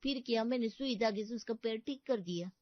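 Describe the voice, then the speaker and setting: A woman's voice: on the high side, brisk, no room sound, dull audio, natural voice. A woman voicing a naive, childlike young maid. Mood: innocent. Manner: simple-minded, colloquial, innocent. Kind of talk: animated story voice acting.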